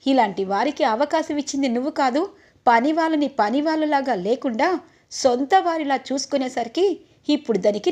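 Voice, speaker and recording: A woman's voice: high-pitched, natural voice. A woman voicing a furious domineering matriarch. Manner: scolding, loud.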